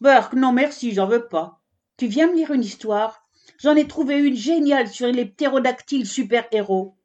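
A woman's voice: fairly high pitch, moderate pace, darkish tone, highs cut off, pitched above the performer's own voice, close to an everyday voice. A woman voicing a curious, cheeky little girl giraffe in a children's storybook. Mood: chirpy. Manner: chirpy, full of questions.

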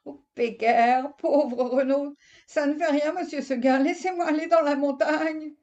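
A polite young nanny goat from a storybook, pleading softly but never giving in, as a woman reads her. Her voice sits high and moves slowly. The recording sounds dull and lo-fi. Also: steady tone. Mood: insistent.

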